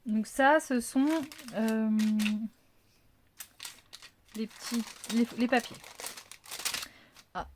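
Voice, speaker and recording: A woman's voice: a little high, steady tone, extremely slow, pauses often, a little hiss or hum. A woman hosting a casual craft unboxing video, thinking aloud with lots of fillers and apologetic self-corrections.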